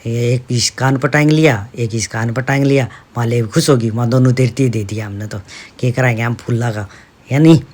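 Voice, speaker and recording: A middle-aged man chats through his everyday family vlog. He keeps pointing things out to the viewer in a homely, easygoing manner. His voice sits at an ordinary middle pitch. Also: fairly even intonation, a little fast, darkish tone. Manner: chatty, homely, addresses viewers with "dekho". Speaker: vlogger, father. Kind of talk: casual vlog narration.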